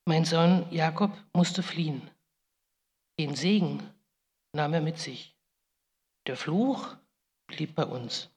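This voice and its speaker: A woman's voice: low-pitched, takes it slowly, long pauses, darkish tone. A woman playing Rebekka, a guilt-ridden biblical mother, in a solemn, grave first-person monologue with pleading outbursts, in a big reverberant hall. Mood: solemn lament.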